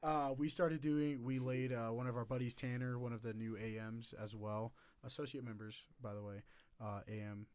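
A young man hosting a casual podcast in a frat bro manner. He rambles along loosely with slang and the odd swear, in a mid-pitched voice. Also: little pitch movement, normal speed, a little mellow, clear, resonant tone. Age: young adult. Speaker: podcast host. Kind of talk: casual chat.

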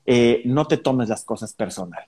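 A man's voice: medium pitch, expressive, normal speed, dark tone, breathy edge. A man with a Mexican accent co-hosting a casual podcast, explaining points and often agreeing with "exactamente". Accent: Mexican Spanish. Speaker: podcast co-host.

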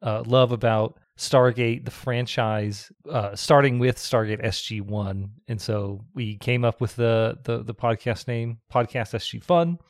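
A man's voice: medium pitch, steady tone, unhurried, hardly any pauses, dry recording, studio quality. A man co-hosting a podcast in casual chat, his face half numb from the dentist. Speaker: podcast co-host.

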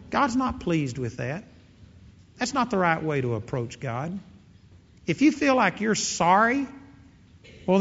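A man's voice: sits high, a bit bright. A man preaching a sermon in an earnest, emphatic way, repeating his key phrases. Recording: dull sound in a reverberant hall.

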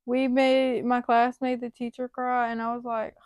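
A woman's voice: fairly high pitch, flat delivery, moderate pace, a little mellow, clean tone, no room sound. A teenage girl co-hosting a podcast, talking casually and hesitantly, filling with many "like"s. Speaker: podcast co-host. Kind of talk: casual chat.

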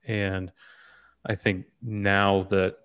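A man's voice: low-pitched, flat delivery, drawn-out words, a bit bright, smooth. A male host who asks thoughtful, rambling questions in a casual interview.

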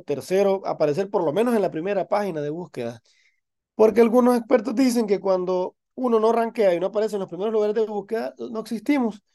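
A man's voice: sits high, dark tone. A man teaching an online class, explaining concepts in an encouraging way, with frequent restarts. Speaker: university instructor.

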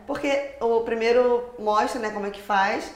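A woman's voice: a little high, moderate pace. Hesitant woman dog owner, echoey room. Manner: hesitant, restarts words. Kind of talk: casual podcast chat. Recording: roomy echoey studio room.

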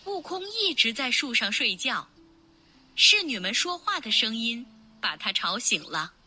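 A woman narrating a children's storybook in a clear, expressive, unhurried way. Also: fairly high pitch, faint music behind.

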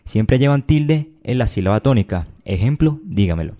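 A young man, slowly reading a grammar lesson dressed up as a news report. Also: mid-range voice, lively intonation, mellow. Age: young adult. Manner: slow, deliberate reading. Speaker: mock reporter.

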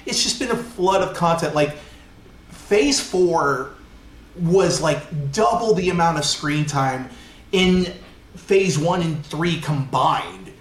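Film podcast dude, fast and excited, keeps repeating himself, echoey room. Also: male voice, on the high side. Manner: excitable, stumbles and repeats words. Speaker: podcast co-host. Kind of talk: casual chat.

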